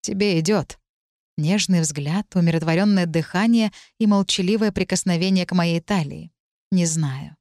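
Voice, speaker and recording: A woman narrating a novel in the first person, reading calmly and at a measured pace. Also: medium pitch, no room sound, clean studio sound. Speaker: audiobook narrator.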